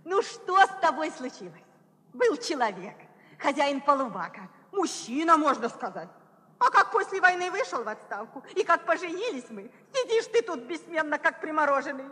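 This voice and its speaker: A woman's voice: high-pitched, big pitch swings, moderate pace, sharp tone, exaggerated voice. A woman playing a spirited, scolding heroine in a theatrical musical comedy. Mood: scolding, exasperated. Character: spirited, scolding sailor woman who fancies herself an artist. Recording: long hall reverb.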